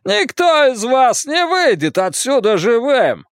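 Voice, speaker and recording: A man voicing a blustering male rival gang boss who shouts in a shrill, strained way. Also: very animated, takes it slowly, clear, resonant tone, no echo, studio quality, full character voice. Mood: shrill panicky.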